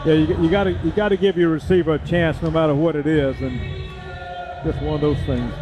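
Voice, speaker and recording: A man's voice: on the high side, steady tone, a little fast. A man giving conversational radio sports color commentary in a folksy, partisan way. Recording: loud stadium crowd and music behind. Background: crowd noise and music.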